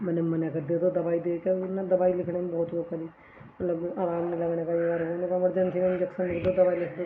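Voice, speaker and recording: A woman's voice: lowish voice, a little hiss or hum. A young woman, earnestly retelling a personal ordeal as a village vlogger, often repeating herself. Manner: repetitive, earnest retelling in a flat, steady tone. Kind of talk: casual storytelling vlog. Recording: tinny phone-like, echoey room.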